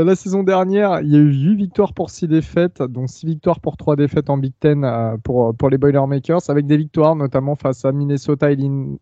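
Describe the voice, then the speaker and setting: A man's voice: a little high, warm tone, no room sound, muffled recording. A man hosting a casual podcast chat, talking with frequent fillers and restarts. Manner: hesitant, many fillers and restarts. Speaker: podcast host.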